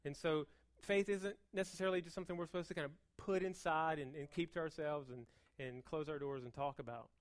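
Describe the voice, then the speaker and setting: Low-pitched with fairly even intonation, an American woman preaches informally and at speed. She stays emphatic and conversational throughout, repeating words and asking rhetorical questions.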